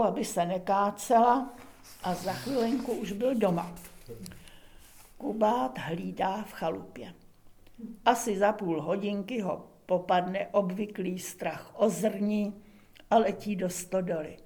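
A woman narrating a humorous folk tale in a lively, expressive reading with dramatic pauses. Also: medium pitch. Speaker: storyteller.

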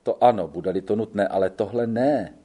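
A man's voice: fairly low pitch, dark tone, husky. A man reading the part of a stubborn lone schoolteacher in an audiobook, answering curtly and dryly. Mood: refusing. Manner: curt, dry. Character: stubborn solitary male schoolteacher, curt.

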